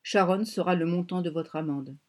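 A proud, domineering strongman of a castaway colony, as a woman reader puts him on, curt and cutting in an audiobook telling. His lines come in a plain reading voice with little change of timbre, and at times he drops to a breathless hush. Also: sits high, moderate pace, natural voice. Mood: threatening. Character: proud, domineering male island strongman, former singer.

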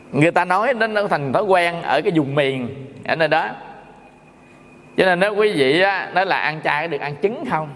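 A man's voice: a little high, a bit bright, big-room sound. A man giving a casual dharma talk as a Buddhist monk, chatty, repeating words and checking with listeners.

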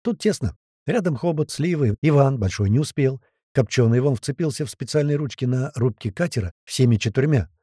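A man reading a first-person audiobook with tense, lively storytelling. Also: medium pitch, fairly quick, husky, dry recording, clean studio sound. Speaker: audiobook narrator.

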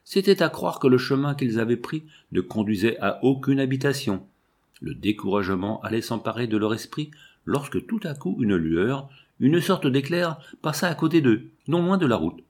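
A man narrating a children's storybook in a measured, expressive read-aloud. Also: mid-range voice. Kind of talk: storybook reading.

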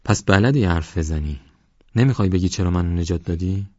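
A man voicing an anxious young man who keeps pressing questions on his silent rescuer in an audiobook, pitched higher than his own narrating voice. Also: a little mellow, dry recording, lo-fi sound.

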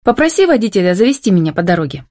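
A woman voicing a spirited, feisty young wife who speaks brightly and raises her voice high. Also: big pitch swings, very fast.

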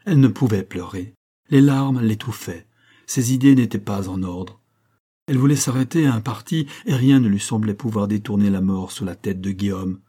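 A man narrating a literary audiobook with a measured, expressive delivery. His voice sits low, with a mellow, warm tone and a husky grain.

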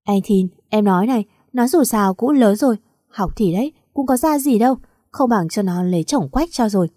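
A woman reading the part of a meddling, sharp-tongued middle-aged aunt with a harsh, pushy way of talking. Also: mid-range voice, animated, normal speed, dry recording, studio quality, close to an everyday voice.

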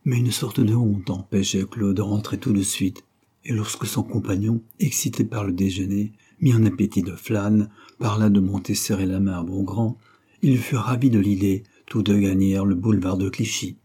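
A man narrating a classic novel as an audiobook in a steady, measured storytelling manner. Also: on the low side, breathy edge.

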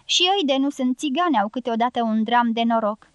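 A woman reading an audiobook voices a bossy, forceful middle-aged matriarch who gives curt, scolding retorts. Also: fairly high pitch, lively intonation, smooth, dry recording, natural voice. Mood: gruff.

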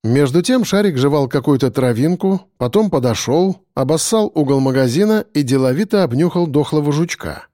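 A man narrating an audiobook in a lively, expressive storytelling manner. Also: fairly high pitch, moderate pace, few pauses, dry recording, studio quality.

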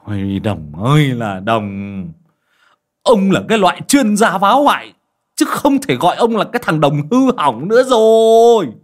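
Man playing exasperated young master, high scolding voice, husky. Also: very animated, measured pace. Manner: scolding, raised voice. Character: exasperated young village master, sharp-tongued.

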